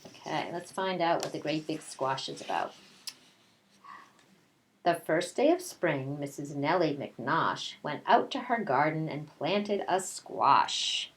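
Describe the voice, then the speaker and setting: During story time, a kindergarten teacher with a deep voice and lively intonation reads slowly from a picture book. She speaks conversationally to the young children, weaving casual chat into the read-aloud.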